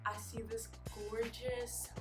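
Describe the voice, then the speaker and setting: A teenage girl retelling her surprise party in an animated, giggly storytime vlog. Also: a little high, takes it slowly. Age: teens. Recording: echoey room with music behind.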